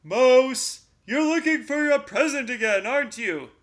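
A man doing a pompous, booming storybook bear. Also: expressive, a little slow, fairly bright tone, exaggerated voice. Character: gruff pompous male bear, secretly kind. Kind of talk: storybook reading for children.

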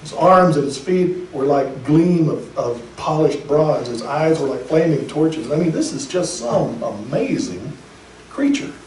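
A man preaching in a mellow, fairly high voice, emphatic one moment and chatty the next. He is heard from a distance in a roomy church hall with audible echo. The delivery is a pastor's sermon. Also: big pitch swings, measured pace, a little hiss or hum. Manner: emphatic, conversational preaching with speculative asides.

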